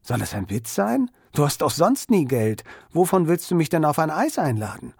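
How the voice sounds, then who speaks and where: Guy doing a cheeky little boy, storybook read-aloud, slightly husky, dry sound. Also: fairly high pitch, sing-song, moderate pace, no room sound, heavily acted. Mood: puzzled. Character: cheeky boy who fibs and boasts.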